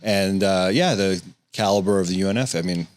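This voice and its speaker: Laid-back lower-voiced co-host man. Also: brisk, slight background noise. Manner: laid-back, easygoing banter. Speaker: podcast co-host. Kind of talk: casual podcast chat.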